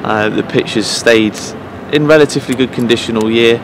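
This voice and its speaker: Standing outdoors beside the pitch in an empty stadium, a thirties-aged head groundsman gives an earnest promotional interview to camera. He pauses frequently, using fillers and restarts, with background noise audible.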